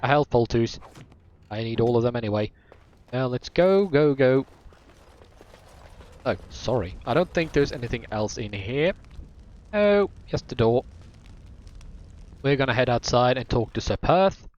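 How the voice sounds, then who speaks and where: A man's voice: medium pitch, lively intonation, a little slow, long pauses, a little mellow, highs cut off. A man streaming a video game, rambling casually and often correcting himself. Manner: rambling, with many fillers and self-corrections. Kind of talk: casual let's-play commentary.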